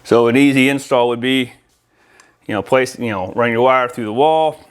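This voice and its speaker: A man with a clean, medium-pitched voice at normal speed presents a product demonstration for an audio-video installer. He talks directly to viewers in a casual, explanatory way.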